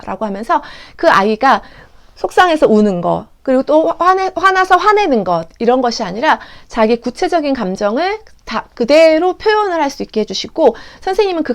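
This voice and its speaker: An earnest woman teacher lectures other teachers in a clear, instructive way. Her voice is fairly high and very animated, rising and falling as she acts out classroom examples.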